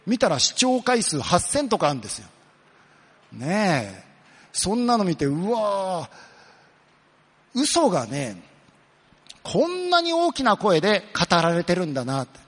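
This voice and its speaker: A man's voice: high-pitched, huge pitch swings, a bit bright, slightly rough, in a large hall. A man preaching a sermon as pastor, earnest, asking the congregation questions and answering them himself. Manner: earnest, questions the listeners then answers, slows down for emphasis.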